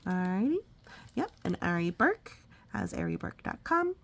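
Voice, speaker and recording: Her pitch swoops wildly in a lowish voice with vocal fry, at a moderate pace. Recorded on a phone, this mother reads a picture book aloud and chats with her small child about it, asking questions and repeating the child's.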